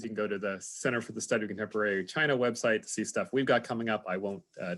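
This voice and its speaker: Guy introducing a speaker on a video call, measured, lots of uhs, mid pitch. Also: a bit bright. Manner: measured, frequent "uh" fillers. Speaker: lecture introducer.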